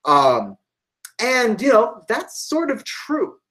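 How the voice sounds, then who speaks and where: A woman's voice: fairly high pitch, huge pitch swings, slow pace, fairly bright tone, rough recording. A woman giving a live-streamed history lecture to online students, thinking aloud with fillers and asides.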